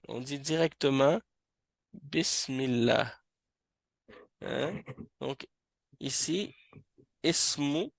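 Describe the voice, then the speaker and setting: A man teaching an Arabic reading class in a mosque, explaining slowly and patiently and repeating words so students catch the pronunciation. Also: medium pitch, vocal fry, a bit bright, dry recording.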